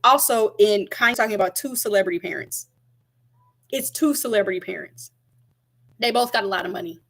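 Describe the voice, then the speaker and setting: A young woman talks casually to her camera. She is chatty and emphatic, driving her points home by repeating them. Her voice sits at a middling pitch. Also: a little fast, a bit bright. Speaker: vlogger.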